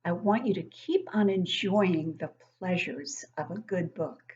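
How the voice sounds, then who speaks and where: A middle-aged woman with a lowish, darkish voice speaks at a measured pace while leading a picture-book read-aloud for young kids, encouraging them through questions and exclamations. The recording, made with a desk-distance webcam in her living room at home, has its high frequencies cut off.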